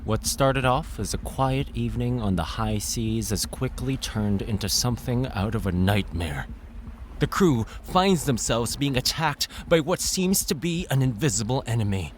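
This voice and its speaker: An actor plays a male student spinning a nautical horror tale, narrating it theatrically with an ominous, suspenseful mood. His mid-range, expressive voice is near an everyday one and moves at normal speed, with dramatic music under it and a little hiss or hum in the recording.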